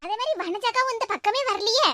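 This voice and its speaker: A woman voicing a fast, squeaky neighbor auntie. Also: pushed and bright, no room sound. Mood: curious. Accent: Tirunelveli Tamil. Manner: quick, fussing questions and homely chatter. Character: concerned older neighbor woman, curious about gossip.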